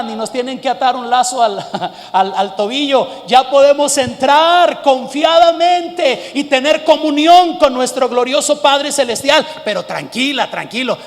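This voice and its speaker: A middle-aged man with a Mexican accent preaching a sermon as a pastor. He swings from loud shouting to soft, quiet storytelling. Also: very high-pitched. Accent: Mexican Spanish. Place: church. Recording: church hall with long reverb.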